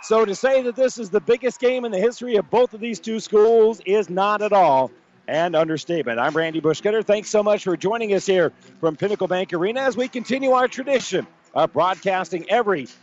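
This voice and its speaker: High-pitched male morning-show-style sports host, dull radio sound. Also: fairly quick. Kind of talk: upbeat live pregame show hosting, like a morning show host. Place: basketball arena broadcast position. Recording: dull, band-limited live radio broadcast.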